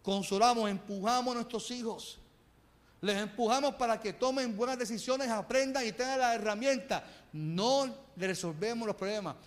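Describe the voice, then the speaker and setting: A man's voice: very high-pitched, normal speed. Brief: male pastor in his thirties, conversational sermon in a church hall. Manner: earnest, conversational preaching with rhetorical questions. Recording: reverberant hall.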